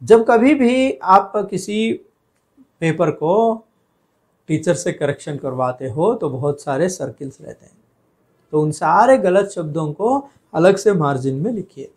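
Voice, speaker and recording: A man teaching a spelling and pronunciation lesson, drawing out words slowly and asking questions he then answers himself. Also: on the high side, animated. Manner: slow, deliberate, stretches out words to model pronunciation. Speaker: Hindi teacher.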